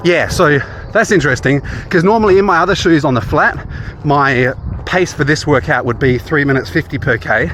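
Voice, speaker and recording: A man's voice: a little high, moderate pace, hardly any pauses, fairly bright tone. An Australian man chatting casually in a running vlog, recorded outdoors. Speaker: running vlogger. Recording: clear outdoor background noise.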